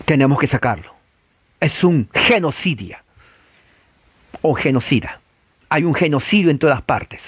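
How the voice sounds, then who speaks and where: A man preaching a sermon, provocative and full of rhetorical questions, swinging from loud to low. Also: expressive, a little slow, pauses often, breathy edge, no echo.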